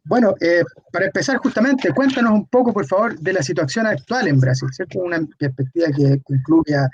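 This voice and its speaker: A man hosting an interview program, introducing and questioning formally and deliberately, on dull lo-fi audio. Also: high voice, expressive, a little hiss or hum.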